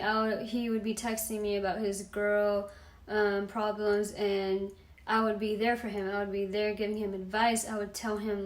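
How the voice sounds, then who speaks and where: Young woman vlogger, casual slangy storyteller, slightly high voice, roomy sound. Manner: slangy, fills talk with "like". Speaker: vlogger telling a personal story.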